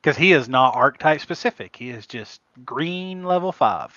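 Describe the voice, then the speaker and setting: A man's voice: medium pitch, lively intonation, moderate pace, sharp tone, dry recording. Chatty man on a muffled, dry podcast mic. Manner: chatty, laughs at his own stories. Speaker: podcast co-host. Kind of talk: casual chat. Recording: muffled lo-fi audio.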